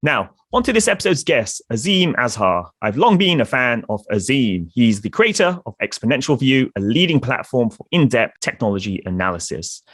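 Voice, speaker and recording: A male podcast host delivers his show's promo and guest introduction with a lively, bouncing pitch. The sound is dry and close to the mic. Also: dry recording. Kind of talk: podcast ad read and interview.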